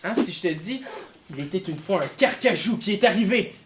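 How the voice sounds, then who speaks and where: A man's voice: sits high, brisk, heavy background noise. A man teaching a class of children, asking them questions as he goes. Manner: lively, questioning pupils.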